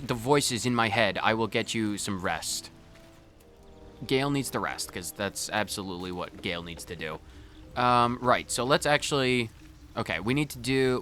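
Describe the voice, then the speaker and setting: A man's voice: lowish voice, pushed and bright. A man hosting a gaming video with casual, rambling commentary, jokingly talking back to the characters. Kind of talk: casual let's play commentary.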